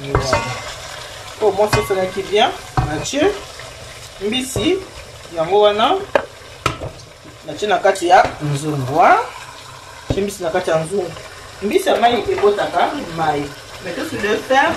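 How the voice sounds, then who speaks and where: Older woman hosting a home cooking lesson. Teasing and animated. Recorded from a distance in a roomy kitchen with faint noise. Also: medium pitch, unhurried, pauses often. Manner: chatty, teasing, animated storytelling. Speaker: host, grandmother. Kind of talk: cooking show with marriage advice. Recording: echoey room, voice from far off, faint noise.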